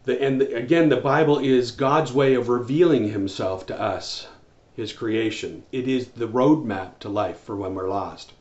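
A man's voice: medium pitch, unhurried. A man in his forties preaching a home church sermon to camera, earnest, with many restarts and fillers. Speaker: pastor. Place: small room with wall shelves, indoors. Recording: roomy, slightly dull sound.

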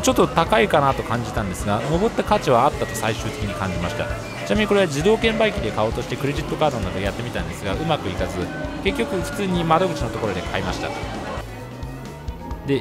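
Lively fast-talking man narrating travels. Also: medium pitch. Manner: chatty, explanatory, lightly joking asides. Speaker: travel vlogger.

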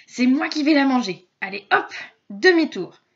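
A woman voicing a greedy male ogre who roars orders in a loud, bossy voice, on a slightly dull recording. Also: high-pitched, animated, normal speed, husky, full character voice.

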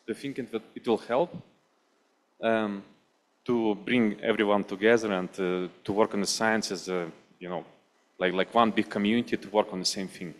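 A man's voice: fairly low pitch, fairly even intonation, normal speed. A man from Ukraine in the audience asking a question, hesitant with many fillers.

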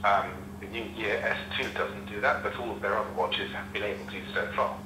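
A man's voice: fairly low pitch, a little fast. A man heard through a smartwatch speaker, giving a casual, matter-of-fact product demo. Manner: plain, matter-of-fact explaining. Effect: heard through a smartwatch speaker on a call. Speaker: tech reviewer. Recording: echoey, noisy watch speaker playback.

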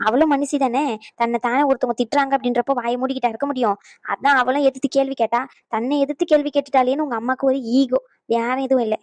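A woman's voice: high voice, fairly even intonation, quick pace, darkish tone, no room sound, lightly acted. A woman voicing a fussy, meddling but kind elderly grandmother in a cartoon, nagging and chatty. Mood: explaining. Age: older. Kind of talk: cartoon voice acting.

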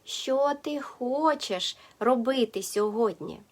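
Slow-speaking woman teaching a language. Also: on the high side, lively intonation. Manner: slows down and spells out words when drilling them. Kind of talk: language lesson for learners.

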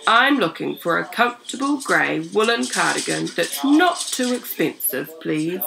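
A woman's voice: lowish voice, sing-song, measured pace, gravelly, background noise, exaggerated voice. A woman voicing a stubborn old grandfather who loves his comforts, in a storybook reading.

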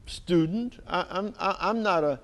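A man's voice: sits high, unhurried, a bit bright, big-room sound, voice pushed up. A man voicing a sleepy, confused young male dog who stammers and hesitates.

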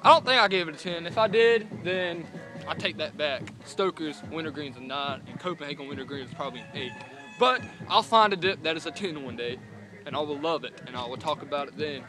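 A young Southern US man with a high voice reviews things casually in the open air. He talks around a lip full of dip and spits, rambling and cursing freely. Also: animated, fairly quick, bright, forceful tone, soft background music, low-quality recording. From North Carolina, USA. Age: young adult. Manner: profane, rambling. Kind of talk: casual outdoor review vlog. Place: outdoors in a rural yard by parked vehicles. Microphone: camera set on a car, about a meter away.

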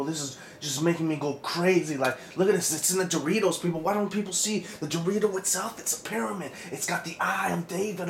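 A man's voice: high voice, vocal fry, echoey room. A man doing a frantic, rambling parody rant that keeps calling out to "people". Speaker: comedic conspiracy vlogger.

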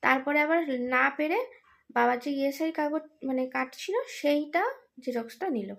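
A woman's voice: high-pitched, normal speed, gravelly, fairly bright tone. A woman, tired, rambling through an exasperated casual vlog monologue with many fillers. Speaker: vlogger, daughter caring for her ill father.

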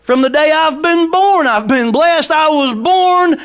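A man's voice: extremely high pitch, expressive, measured pace. A man, preaching a folksy sermon in a church sanctuary on a headset mic, calling out to the congregation. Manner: folksy, calls on the congregation, rises to loud preaching; paces the stage, gesturing. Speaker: pastor. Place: large church sanctuary stage.

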